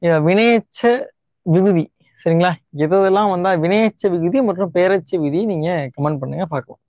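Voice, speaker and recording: High-voiced Tamil teacher, dry close sound. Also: male voice, darkish tone, no echo. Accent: Tamil Nadu Tamil. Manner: explains step by step, often checks in with "right?"; repeats key words slowly to stress them. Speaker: Tamil grammar teacher for exam prep. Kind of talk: online exam-prep lesson.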